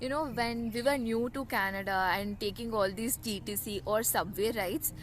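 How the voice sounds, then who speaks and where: A woman's voice: fairly high pitch, normal speed, a little hiss or hum, rough recording. A woman with an Indian, Kannada-influenced accent, chatting conversationally to viewers as a vlog host without a dedicated microphone. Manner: conversational, frequent "you know" and "right" tags. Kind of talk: casual explanatory chat to viewers. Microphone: camera or phone built-in, no external mic. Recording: music behind, no dedicated microphone.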